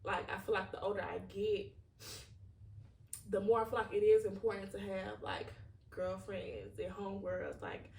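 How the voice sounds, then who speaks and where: In a reflective monologue for her podcast, a woman in her 20s opens up about her feelings in a loose, "like"-heavy ramble. She talks at a normal speed with a medium-pitched, darkish voice, picked up off-mic in an echoey room.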